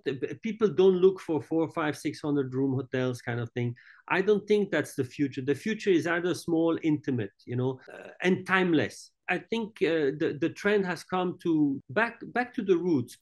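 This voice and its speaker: A middle-aged man, born in France and brought up in Italy and Switzerland, is interviewed as the head of a hotel group via video call, his webcam picking up a room with a large painting. His voice is a little high, and he talks haltingly with frequent restarts and fillers.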